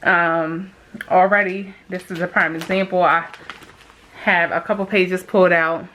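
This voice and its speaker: A woman with a slightly low voice talks to her viewers in a loose, rambling vlog style. Wearing retainers gives her words a slight lisp. Background room noise is clearly audible on the recording. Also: level tone, unhurried, bright, forceful tone, low-quality recording. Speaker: vlogger. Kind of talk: casual rambling chat to viewers.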